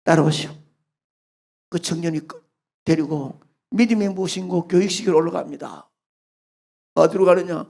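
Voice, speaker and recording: A Korean pastor with a Gyeongsang accent preaching a sermon as animated storytelling, moving between loud and quiet passages. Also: male voice, a little high, moderate pace, creaky, pauses often.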